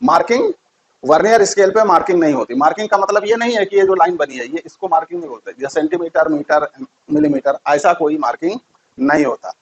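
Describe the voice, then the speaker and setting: A man's voice: on the high side, lively intonation, a little fast, lo-fi sound. A man giving a physics lesson, repeating key terms and quizzing his students. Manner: repeats key terms, asks quiz questions. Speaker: teacher.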